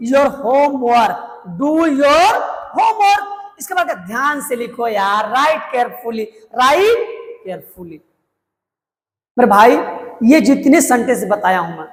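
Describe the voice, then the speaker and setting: High-voiced man drilling English phrases. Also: a bit bright, big-room sound. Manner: drills phrases by repeating them, addresses viewers as brother. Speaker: English teacher. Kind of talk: casual spoken-English lesson.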